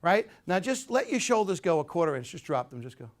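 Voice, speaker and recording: A man teaching public speaking at a live workshop, energetic and demonstrative, leading the group in call-and-response. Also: high-pitched, brisk. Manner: demonstrative, acts out postures and tones.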